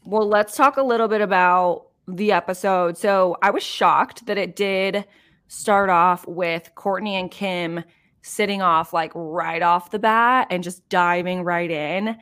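A woman's voice: on the low side, unhurried, a bit bright, smooth. A chatty woman hosts a podcast, talking loosely with a friend. She rambles, giggles often and leans on filler words. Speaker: podcast host. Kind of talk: casual chat.

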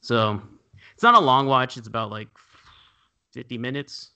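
A man co-hosting a casual podcast, relaxed and loosely searching for words as he describes films. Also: mid-range voice, normal speed, smooth. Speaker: podcast co-host. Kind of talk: casual chat.

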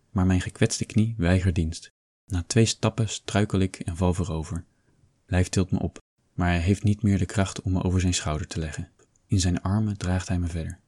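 Deep, husky male narrator. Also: warm tone, no room sound. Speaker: audiobook reader. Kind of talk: first-person novel narration.

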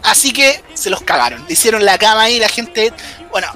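A high-voiced Chilean man works as a wrestling commentator in a loose, chatty style. His bright, forceful voice is full of slang and joking fan enthusiasm. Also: big pitch swings, a little fast, faint music behind. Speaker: wrestling commentator, podcast host. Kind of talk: casual wrestling commentary and chat.

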